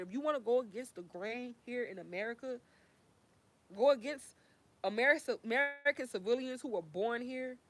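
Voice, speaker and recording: A young woman vlogger rants heatedly into her camera, swearing, preaching and repeating herself with fiery energy. Her voice is fairly high, and the recording has no room sound.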